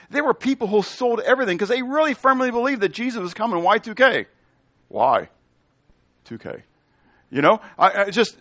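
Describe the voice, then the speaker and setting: A man preaching a casual sermon as pastor, chatty and excitable, often checking in with his listeners by asking "okay?". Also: high-pitched, no room sound, studio quality.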